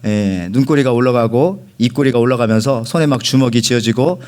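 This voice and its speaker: Joking pastor preaching a sermon. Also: male voice, mid-range voice, a little fast, darkish tone. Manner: humorous storyteller, addresses the congregation directly. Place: church sanctuary.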